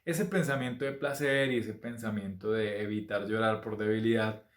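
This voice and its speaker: A man's voice: fairly low pitch, steady tone, normal speed. Spanish-speaking male preacher in an echoey room. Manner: teaching, reads Bible passages aloud with rising emphasis; frequent fillers and restarts, asks rhetorical questions. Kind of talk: sermon.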